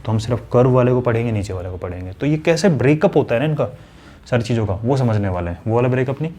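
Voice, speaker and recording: With a medium pitch, lively intonation and a dark tone, a man talks fast through a classroom maths explanation. He addresses the students directly and plays out their questions in a conversational style.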